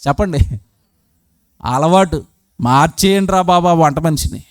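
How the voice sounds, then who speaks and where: A man's voice: on the high side, a little slow, no echo, clean studio sound. A man preaching a sermon, emphatic, putting questions to the congregation and acting out short quotes.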